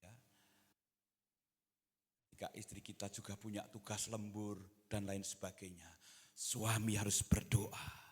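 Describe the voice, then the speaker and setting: A man preaching a sermon in church, moving between quiet talk and loud, impassioned exhortation. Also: lowish voice, level tone, unhurried, pauses often, breathy edge. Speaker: pastor. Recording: reverberant church hall.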